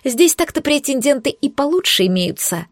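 A woman voicing a defiant young maid who is sharp-tongued and mocking, scoffing in a raised voice. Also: sits high, sing-song, moderate pace, no room sound, clean studio sound, voice pushed up.

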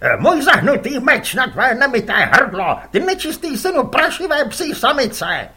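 Male reader as a hot-headed cursing fisherman, bright and raspy, storybook shouting. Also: very high voice, sing-song, voice pushed up, full character voice. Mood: furious cursing. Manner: bellowing insults across the water. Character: foul-mouthed rival fisherman, hot-tempered and cursing.

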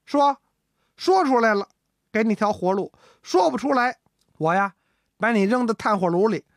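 A woman voicing a shrewd, teasing old Qing emperor who speaks in mock-stern, drawn-out commands. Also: fairly high pitch, expressive, dry recording, studio quality.

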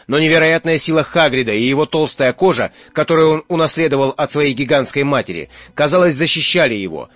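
Man narrating an audiobook, slightly high voice. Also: fairly bright tone, no room sound. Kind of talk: scripted narration. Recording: muffled audio with faint music.

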